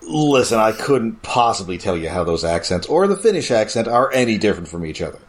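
A man co-hosting a podcast, recapping an episode in casual chat with dry, deadpan jokes. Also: fairly low pitch, fairly quick. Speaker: podcast co-host.

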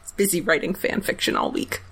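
A woman's voice: lowish voice, wildly swooping pitch, a little fast, gravelly, a bit bright, slight background noise. A woman co-hosting a podcast in casual chat, making wry, teasing quips. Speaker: podcast co-host.

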